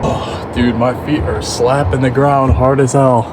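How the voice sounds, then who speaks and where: A man's voice: medium pitch, little pitch movement, unhurried, heavy background noise. A young man chatting casually to the camera in a laid-back, slangy way, sometimes talking with his mouth full. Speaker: vlogger. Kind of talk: casual vlog chat.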